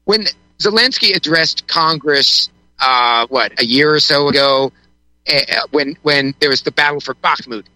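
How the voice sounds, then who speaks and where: A man's voice: on the high side, unhurried, bright, forceful tone, dry recording, low-quality recording. A man giving political commentary as a guest on a talk show, rambling with frequent restarts and fillers.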